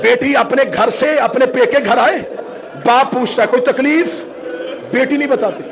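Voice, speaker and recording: A man preaches in a very high, keening voice, wailing and rising to shouts. He sounds live in a large mourning gathering, where a crowd murmurs behind him. Steady noise sits under the mic. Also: a little slow. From Pakistan. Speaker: Shia cleric delivering a majlis. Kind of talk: emotional sermon recitation.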